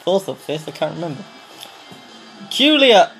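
Excitable man calling a wrestling game. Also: high-pitched, measured pace, faint music behind. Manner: excitable, exclaims loudly at the action. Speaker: gameplay commentator. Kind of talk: casual let's-play commentary.

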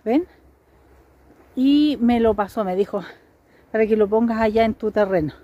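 A woman vlogging outdoors in a forest, chatting excitedly and addressing her viewers directly. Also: fairly high pitch, normal speed, lo-fi sound. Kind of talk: outdoor vlog to camera. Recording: noisy outdoor camera audio.

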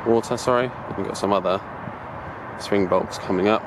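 At normal speed and with a lowish voice, a man rambles while filming his allotment outdoors. This casual walking-tour narration from an allotment vlogger is chatty and self-correcting, captured on a handheld camera mic from his own view amid steady background noise.

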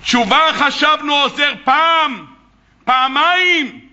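A man, a rabbi, preaching a sermon with animated storytelling and questions to his audience. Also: very high-pitched. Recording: muffled lo-fi recording.

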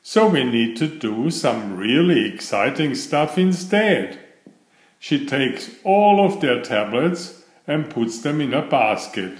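Reading a children's picture book, this man speaks slowly and deliberately in a mid-range voice full of animated expression. His voice carries through a noticeably echoey room.

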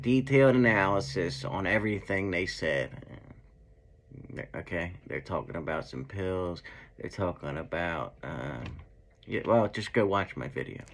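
A young man with a very low, gravelly voice reacts to news footage in loose, chatty commentary. He restarts his sentences and asks his viewers questions. He records in a dark room indoors. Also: slight background noise. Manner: conversational, hesitant restarts, talks back to clips. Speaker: true crime commentator.

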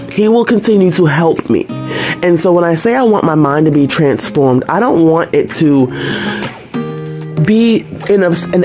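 A middle-aged woman talking earnestly about faith and homemaking, casual and a little preachy, recorded in her home kitchen on a camera across the room. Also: low voice. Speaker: homemaking vlogger. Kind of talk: casual faith talk while cooking. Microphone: fixed camera across the kitchen. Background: background music.

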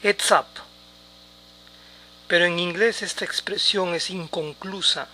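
Slow, bright-voiced man teaching English. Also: fairly high pitch. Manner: repeats English words slowly for pronunciation drills. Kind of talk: slow, deliberate language lesson.

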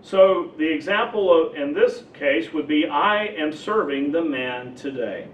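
A man preaching a teaching sermon and slowly explaining examples one by one. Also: a little high, animated, a little hiss or hum. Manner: slow, deliberate explaining with spoken examples. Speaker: pastor. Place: church sanctuary. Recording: echoey church hall, mic at a distance, dull sound.

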